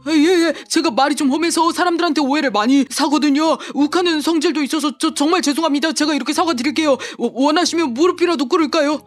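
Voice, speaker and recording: A man's voice: very high-pitched, quick pace, hardly any pauses, no echo, faint music behind. A man voicing a petty, hotheaded young male scammer in an audio drama, stammering and swinging between taunting and groveling.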